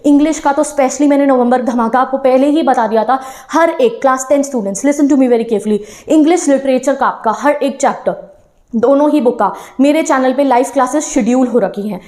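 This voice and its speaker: A woman's voice: sits high, a little fast, darkish tone. A young woman teacher giving an encouraging talk to exam students, switching between Hindi and English phrases. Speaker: online teacher.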